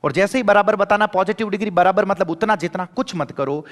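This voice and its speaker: A man's voice: sits high, fairly quick. Man, Rajasthani accent, grammar teacher, exam-prep lecture, answers his own questions, repetitive drilling, long hall reverb. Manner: asks students' questions aloud and answers them himself, drilling by repetition.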